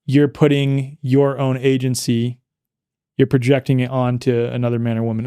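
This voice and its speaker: A man hosting a podcast, with a mellow, smooth voice. He speaks earnestly and deliberately. The close, dry recording has no room echo. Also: mid-range voice. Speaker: podcast host. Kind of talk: casual conversation.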